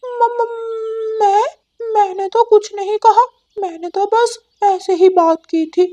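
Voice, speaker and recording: Woman voicing a cartoon parrot, male, young, shrill, whiny, high and loud. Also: measured pace. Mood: stammering. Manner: shrill and whiny, stammers when scared.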